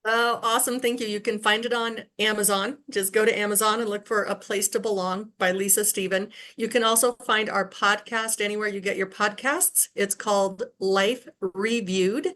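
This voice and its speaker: A woman's voice: mid-range voice, fairly even intonation, normal speed, few pauses, a bit bright. A woman who co-founded a ministry and wrote a book, speaking as a guest on a faith-based podcast. She sounds earnest and encouraging and uses many filler words.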